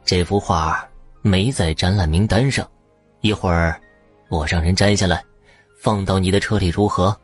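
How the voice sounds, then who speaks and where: A man's voice: low-pitched, moderate pace, slightly rough, no echo, faint music behind. A man playing a fawning middle-aged museum director in an audio story, speaking in an ingratiating way.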